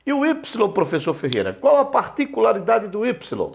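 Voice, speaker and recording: A man teaching an online lesson, asking himself questions and answering them, repeating words slowly so they can be drilled. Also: high-pitched, wildly swooping pitch, gravelly.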